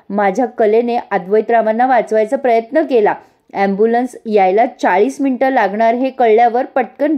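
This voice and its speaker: A woman's voice: on the high side, lo-fi sound, natural voice. A woman voicing a humble elderly village father who pleads his daughter's case in a TV serial recap. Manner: pleading, apologetic.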